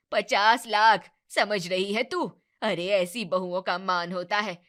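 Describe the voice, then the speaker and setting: A woman plays a bitter, sharp-tongued mother-in-law in an animated family drama. She scolds in a harsh, dismissive tone, with her pitch in the middle range. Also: lightly acted.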